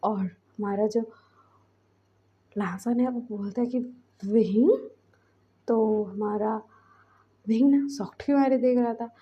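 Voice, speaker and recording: High-voiced woman retelling a story. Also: steady tone, measured pace, pauses often, breathy edge, lo-fi sound. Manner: chatty, rambling retelling. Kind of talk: casual fan fiction narration.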